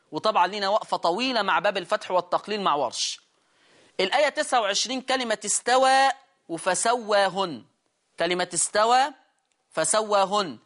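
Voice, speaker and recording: An Egyptian man leads a recitation lesson. He keeps questioning his students, answering himself and repeating key words. He slows down to sound out each word. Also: sits high, a bit bright. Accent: Egyptian Arabic. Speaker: Quran recitation teacher. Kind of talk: lesson explaining recitation rules.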